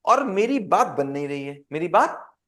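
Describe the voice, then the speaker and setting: High-voiced man teaching a class. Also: sing-song, moderate pace, fairly bright tone. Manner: quizzes the class with call-and-response questions. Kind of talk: interactive class lecture.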